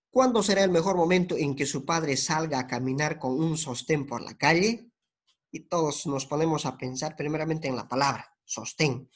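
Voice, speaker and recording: Un hombre que da una clase de lingüística con acento boliviano, explica despacio, deletrea sonidos y letras y suele añadir preguntas como "¿no es cierto?". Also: male voice, on the high side. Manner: explains slowly, spells out sounds and letters, many tag questions. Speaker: teacher. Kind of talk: lecture.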